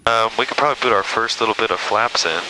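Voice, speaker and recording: Low-voiced flight instructor on cockpit headset. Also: male voice, fast talker, low-quality recording. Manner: calm, relaxed coaching. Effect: pilot speaking over a cockpit headset intercom. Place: small airplane cockpit in flight. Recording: cockpit headset with loud engine noise. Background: engine drone.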